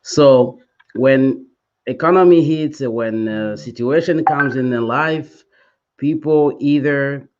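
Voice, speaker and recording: A man's voice: mid-range voice, slow, darkish tone, lo-fi sound, slight background noise. A man speaking as a panel guest, hesitant with many fillers. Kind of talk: panel interview.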